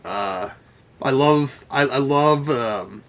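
A man's voice: medium pitch, slow, a bit bright. A man co-hosting a podcast, chatting casually about films, swearing and laughing as he recounts scenes. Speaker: podcast co-host. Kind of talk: casual film review chat.

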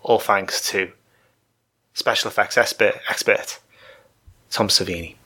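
Low, bright-voiced man discussing films. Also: steady tone, measured pace, slightly rough. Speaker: film discussion host. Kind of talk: informal film history commentary.

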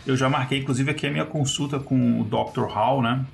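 A man with a Brazilian accent in casual podcast discussion, explaining things in a halting way. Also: mid-range voice, steady tone, gravelly, faint music behind. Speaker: podcast panelist.

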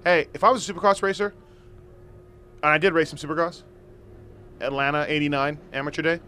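A man with a slightly high voice hosts a casual sports chat. He is blunt and teasing as he steers the banter along. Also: fairly quick, sharp tone, a little hiss or hum. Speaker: host.

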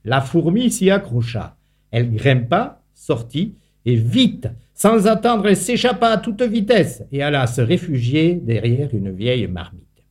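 Older storyteller with a Gascon accent. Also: male voice, a little high, very animated, breathy edge. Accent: Bigorre Gascon. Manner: slow, hesitant storytelling. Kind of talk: reading fables in Gascon and French.

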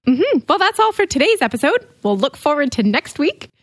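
A woman's voice: sits high, very animated, fairly quick, dry recording. A woman co-hosting a podcast in casual chat, often affirming with "mm-hmm" and "yeah" and wrapping up the show. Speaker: podcast co-host.

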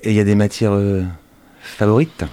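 Low mellow host with dry sound. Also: male voice, level tone, moderate pace, smooth. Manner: hesitant, meandering questions with many fillers. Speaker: interviewer host. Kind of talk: interview questions.

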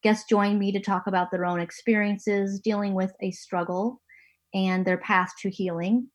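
Speaking at normal speed with fairly even intonation, this woman has a medium-pitched voice. She hosts an interview podcast out of her basement at home and also serves as managing editor, and her earnest delivery includes a few restarts.

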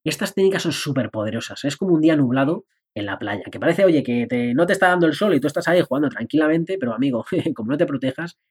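A man's voice: on the high side, lively intonation, quick pace, few pauses, a little mellow, slightly rough. A man hosting a casual podcast monologue about personal development. He talks in a chatty, playful way, laughs at himself and acts out little inner voices.

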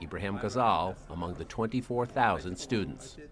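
A man narrating a TV news report in a measured, deliberate reporter style. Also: sits low, lively intonation.

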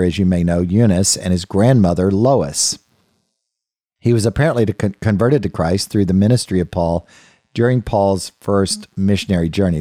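A man's voice: deep voice, dark tone, dry recording, clean studio sound. A man teaching a Bible study lesson in a thoughtful, conversational way, often restarting phrases and turning aside to the listeners. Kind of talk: unscripted Bible study lecture.

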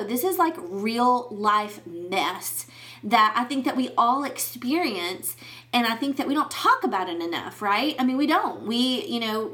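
A woman's voice: on the high side, pushed and bright. A woman hosting a faith podcast, talking in a candid, rambling way with many fillers and restarts. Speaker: podcast host. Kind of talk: casual faith podcast monologue.

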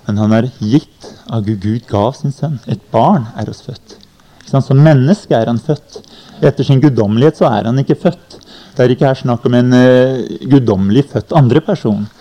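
A man's voice: mid-range voice, dark tone, muffled recording. A man preaching a sermon at a summer convention, teaching plainly and quoting scripture, recorded on an old cassette tape. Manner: plain teaching tone with scripture quotes and "ikke sant". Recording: 1990 cassette recording, uneven quality.

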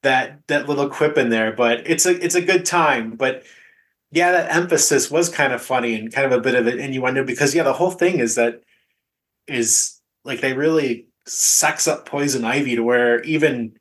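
A man's voice: mid-range voice, moderate pace, fairly bright tone. A man co-hosting a podcast, chatting casually about a film and laughing between points. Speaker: podcast co-host.

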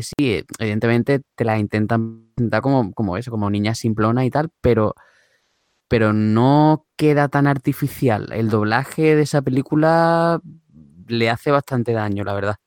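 A man with a Spain Spanish accent, casually discussing films and pausing to restart phrases as he searches for words. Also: medium pitch, darkish tone, clean tone, no room sound, clean studio sound.

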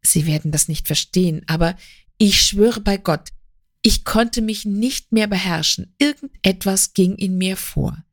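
A woman reading the part of a remorseful young wife, confessing in a slow, earnest, pleading way. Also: medium pitch, dry recording, studio quality. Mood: anguished.

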